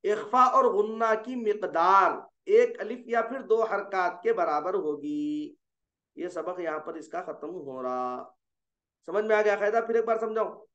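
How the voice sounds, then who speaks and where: A man's voice: high voice, a bit bright. A man teaching Quran recitation rules, explaining patiently and stopping often to ask whether students have understood. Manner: explains patiently, asks checking questions, slows for drawn-out examples. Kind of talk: online tajweed lesson. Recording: dull, echoey room sound.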